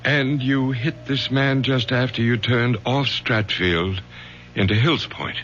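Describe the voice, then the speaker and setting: This actor's mid-range voice moves slowly and has a slightly bright edge as he voices a stern, commanding middle-aged professor and father. The firm, clipped delivery belongs to 1970s radio drama, heard through a dull old recording that hums faintly.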